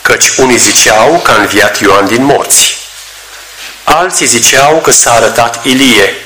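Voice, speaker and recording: Bright-voiced male preacher, echoey room. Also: mid-range voice, slight background noise. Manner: measured, emphatic with stretched words. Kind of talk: sermon.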